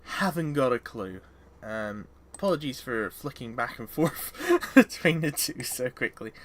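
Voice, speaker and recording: A woman's voice: extremely low pitch, lively intonation, a little slow. A sleepy woman, chatting loosely and giggling often as she streams a game. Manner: giggly, rambling, often breaks into laughter. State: sleepy, yawning. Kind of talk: casual live-stream chat.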